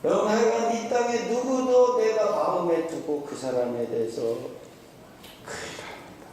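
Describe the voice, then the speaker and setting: A man preaching as a pastor at a conference, playful, often quizzing the congregation with quick questions. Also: fairly high pitch, darkish tone, slight background noise. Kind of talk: sermon at a conference. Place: large church hall. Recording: echoey hall from far off.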